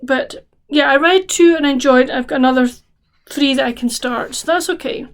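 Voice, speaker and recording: Tired lady, high voice, rambly book vlog chat with lots of ums. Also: moderate pace. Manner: chatty, rambling with many restarts and fillers. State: tired, yawning. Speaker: book vlogger. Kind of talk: casual chat to camera.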